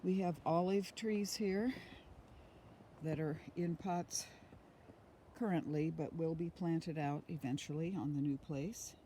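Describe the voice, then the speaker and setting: A middle-aged woman strolls through an outdoor garden, chatting casually into a handheld phone. She talks at an unhurried pace with frequent ums. Steady rain noise sits clearly under her voice. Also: low voice. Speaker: homesteader giving a garden tour. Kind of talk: casual walking tour narration.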